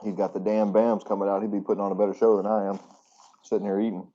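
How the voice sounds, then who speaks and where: A man with a fairly low voice chats casually to viewers on a live stream while eating, talking with his mouth full. He speaks into a phone in a hotel room, and the sound comes through dull and lo-fi. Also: flat delivery, fast, warm tone. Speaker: channel host live-streaming.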